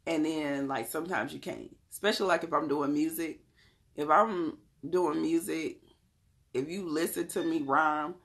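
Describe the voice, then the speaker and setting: The voice is deep and creaky, with a fairly bright tone, from a Southern-accented woman of Charlotte, North Carolina. She reads tarot and hosts a casual livestream, where she takes chat messages and gives emphatic, blunt motivational talk.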